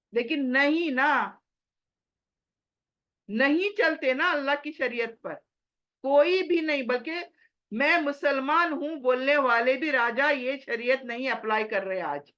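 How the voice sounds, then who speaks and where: Earnest, bright-voiced woman teaching religion. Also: high-pitched. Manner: earnest, exhorting, mixes English phrases. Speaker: Quran teacher. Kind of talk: religious lesson.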